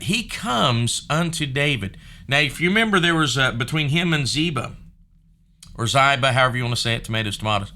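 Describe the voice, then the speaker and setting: Bright-voiced man teaching a Bible study. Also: mid-range voice. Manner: conversational, with fillers and asides.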